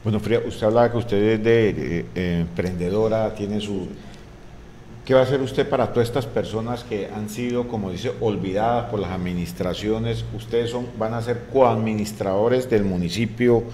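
A man's voice: fairly low pitch, steady tone, normal speed, dark tone, a little hiss or hum. A middle-aged man hosting a studio interview, rambling and repeating words into a desk mic. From Colombia. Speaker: radio host. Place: small radio studio.

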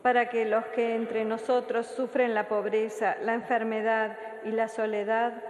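A woman serving as lay reader at Mass, reading the prayers of the faithful in a measured, even way, with a cathedral echo around her voice. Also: a little high. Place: large church. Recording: echoey church with long reverb.

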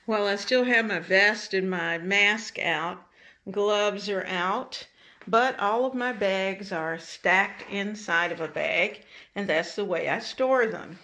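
A woman's voice: medium pitch, slow pace, bright, forceful tone. An older woman hosting a home kitchen vlog, chatting casually with homespun advice and thankful asides, recorded at home. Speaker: cooking channel host. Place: home kitchen and dining room, indoors.

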